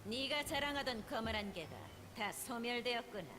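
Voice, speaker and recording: A woman's voice: a little high, expressive, racing, noisy background, close to an everyday voice. A woman voicing a haughty, taunting queen in a villain-like monologue for a video game. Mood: gloating.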